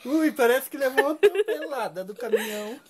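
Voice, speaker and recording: A woman's voice: high voice, expressive, fairly quick, over a noisy crowd. A woman voicing a sassy female fashion doll in improvised doll role-play, trading insults and giggling, on a noisy home recording. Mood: mocking.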